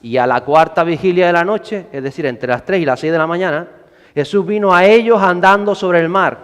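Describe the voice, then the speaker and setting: Man, preacher, high voice, dramatic sermon, hall reverb. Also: a little fast, clean tone. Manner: animated, acts out scenes with shouts and voices.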